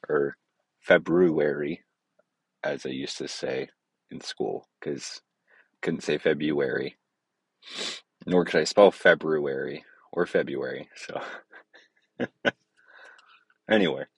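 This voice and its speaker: Super low raspy guy just rambling to his listeners, lots of ums and backtracking, gravelly. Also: slow pace, pauses often, no echo. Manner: meandering, hesitant, many fillers and self-corrections. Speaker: podcast host. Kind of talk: rambling casual monologue.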